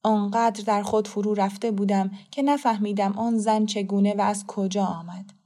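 A woman narrating a story as an audiobook, calm, measured and soft. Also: medium pitch.

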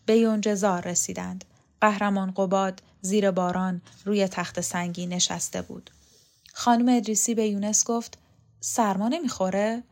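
A woman calmly narrating a novel in a measured, scripted reading. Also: mid-range voice. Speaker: audiobook reader.

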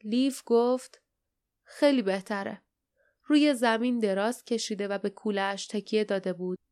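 A woman narrating a storybook audiobook in a steady, measured reading. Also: mid-range voice, smooth.

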